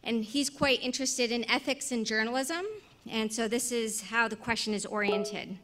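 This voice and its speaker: A woman's voice: a little high, fairly even intonation, moderate pace, bright, forceful tone. A woman moderating a question-and-answer session in an upbeat, friendly way. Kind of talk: hosting a Q&A.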